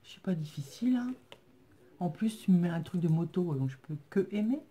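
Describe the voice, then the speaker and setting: A woman vlogger chatting casually as she shows off crafts she was sent, thanking viewers warmly and hesitating often as she describes each piece. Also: on the low side, expressive, a little fast, husky. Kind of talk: casual chat unboxing craft mail.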